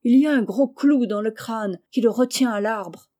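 A simple, earnest old servant calls down answers and plaintive protests, as a woman reading the story voices him. Her voice is slightly higher than her narration and soft in tone. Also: moderate pace, lightly acted.

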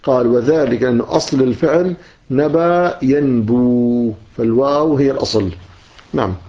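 A man's voice: mid-range voice, a little fast, gravelly. A man teaching a religious text, explaining each line and repeating key words, often closing a point with "yes.". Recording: dull lo-fi recording.

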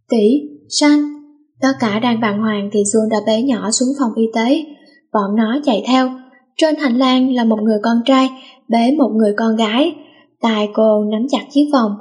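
A woman reading a fan-fiction story aloud in a steady storytelling manner. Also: fairly high pitch. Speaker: story reader.

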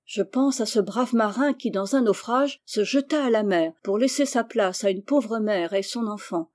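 A woman reading the lines of a polite, caring little girl in a storybook, with earnest, softly eager questions. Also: medium pitch, normal speed, no echo, studio quality, close to an everyday voice. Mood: admiring.

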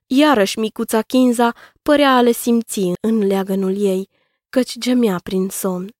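A woman narrating a children's story in a calm, measured reading voice. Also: fairly high pitch, dry recording.

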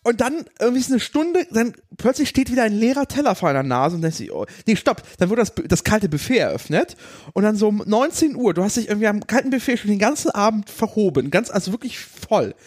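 High-voiced, lively man telling anecdotes. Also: quick pace, few pauses, no echo, clean studio sound. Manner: colloquial, drops English slang. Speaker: podcast co-host. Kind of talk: casual chat, anecdotal.

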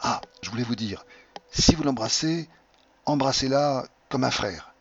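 Man doing a calm, persuasive old-time doctor. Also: fairly high pitch, normal speed, highs cut off, a little hiss or hum. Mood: hushed. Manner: patient, explanatory lecturing. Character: earnest male doctor, calmly convincing.

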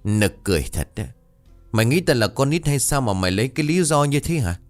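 A man's voice: medium pitch, big pitch swings, fast, faint music behind, pitched above the performer's own voice, close to an everyday voice. A man voicing a cruel, arrogant rich landlord villain, harsh and threatening. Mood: scornful.

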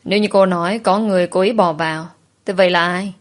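A woman's voice: lowish voice, steady tone, fast, lightly acted. A woman voicing a stern, imperious old grandmother who scolds sharply in a storybook reading. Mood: furious.

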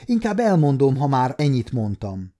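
A man's voice: medium pitch, very animated, warm tone, pitched above the performer's own voice, lightly acted. An adult man voicing an old, anxious, talkative male servant who pleads fearfully.

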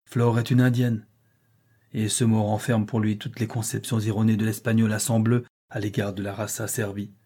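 Male audiobook narrator, husky, dark, measured delivery. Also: fairly low pitch, level tone. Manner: measured, dramatic reading.

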